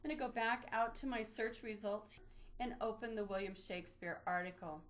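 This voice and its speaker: Briskly and with a fairly bright tone, a woman with a mid-range voice guides viewers through a database tutorial on screen share. She's a librarian working as a webinar trainer, and she explains every step in a relaxed, informal way.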